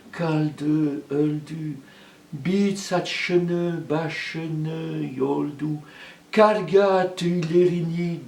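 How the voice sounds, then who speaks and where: A man doing a soft murmuring river. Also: on the high side, gravelly, a little hiss or hum, full character voice. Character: sad muddied river, murmuring. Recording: roomy echo, mic far off.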